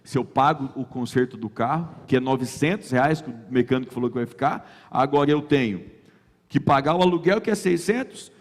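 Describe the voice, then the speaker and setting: A man's voice: medium pitch, a little fast. A man telling a personal faith testimony as a guest, acting out the dialogue in his story. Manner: lively storyteller who acts out quoted dialogue. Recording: long reverb.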